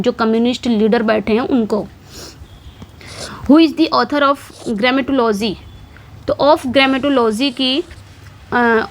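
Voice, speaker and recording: A woman teaching English literature for an exam, posing questions and answering them herself. She repeats key points and reads the English quiz questions slowly. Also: a little high. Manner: repeats key points with frequent check-ins. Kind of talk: exam-prep lecture.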